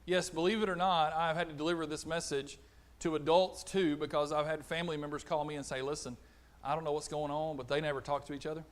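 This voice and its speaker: A middle-aged man preaching a conversational sermon, animated, acting out little exchanges. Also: fairly high pitch, fast talker, few pauses. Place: church auditorium.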